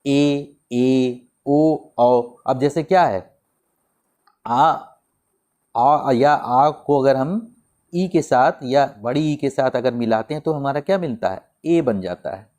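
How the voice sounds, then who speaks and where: A male teacher with a Hindi accent giving an exam-prep grammar lesson, putting questions to the class and answering them himself, spelling out sounds slowly and repeating them. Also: medium pitch, lively intonation, darkish tone.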